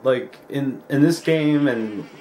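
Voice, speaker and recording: A man's voice: medium pitch, slow pace, mellow, a little hiss or hum. Rambling young-sounding man, game commentary. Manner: rambling, lots of filler words. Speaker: let's play host. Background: game music.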